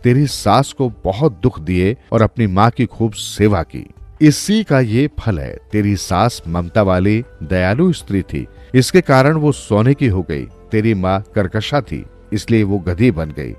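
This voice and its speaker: Man doing a stern judging god, low voice, storybook narration. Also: very animated, a little slow, darkish tone, soft background music. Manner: stern, pronouncing judgment. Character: stern god Mahadev, judging and granting boons.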